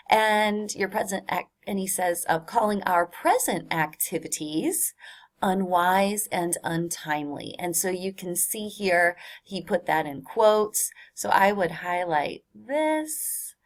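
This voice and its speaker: A woman teacher explaining a text in a recorded online lesson, in a casual, chatty way with many fillers. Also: mid-range voice.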